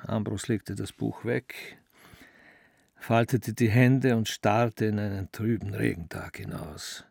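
A man reading literary prose as narrator in a measured, expressive way. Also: lowish voice, vocal fry, husky, no echo, clean studio sound.

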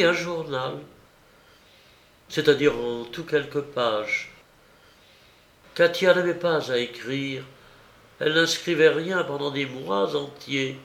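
A man's voice: on the high side, vocal fry, fairly bright tone, pitched above the performer's own voice, exaggerated voice. A man reading an audiobook voices a grieving woman, the sister of a dead actress, who talks in an urgent, pleading way. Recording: roomy echo.

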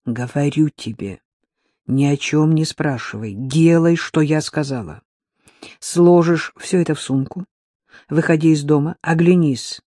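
A man's voice: a little high, measured pace, dark tone, no echo, studio quality. Terse young woman on the run, read by a man. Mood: urgent. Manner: terse, urgent instructions.

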